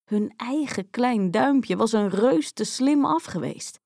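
Slow, expressive woman reading a fairy tale. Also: fairly high pitch, vocal fry, no room sound, studio quality. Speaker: storyteller. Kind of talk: scripted fairy-tale narration for children.

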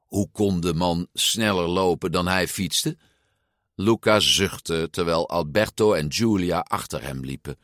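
A man reading a children's story aloud with expressive, lively intonation. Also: low-pitched, a little slow, dry recording, clean studio sound. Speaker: storybook narrator. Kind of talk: storybook read-aloud narration.

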